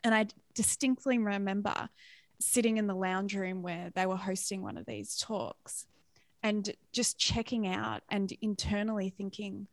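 An Australian woman in her thirties with a gravelly edge of vocal fry in her voice, recorded close and dry with no room sound. She speaks frankly and reflectively, laughing easily as she tells her story. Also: medium pitch, expressive, a little slow, no echo. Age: 30s. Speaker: guest. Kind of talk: candid personal story in a podcast interview.

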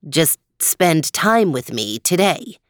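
A small green storybook frog, polite and patient, voiced by a woman who drops into a deep, unhurried register. He talks slowly and low, over a dry, close sound with no room echo. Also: sing-song, heavily acted. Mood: calm, earnest.

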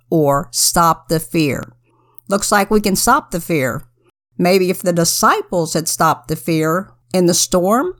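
A woman co-hosting a Bible podcast, giving earnest, preacherly devotional commentary. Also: on the low side. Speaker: podcast co-host.

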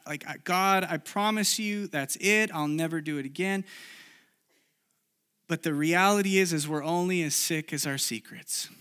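A man's voice: on the high side, pushed and bright, smooth. Earnest man preaching a personal testimony. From Chile. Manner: earnest, confessional, with many restarts.

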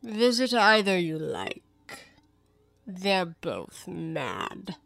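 A woman voicing a grinning mad cat in a storybook, with slow, drawn-out, breathy, matter-of-fact delivery. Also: on the low side, big pitch swings, fairly bright tone, dry recording, clean studio sound, heavily acted. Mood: languid, teasing. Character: languid, grinning, good-natured mad cat.

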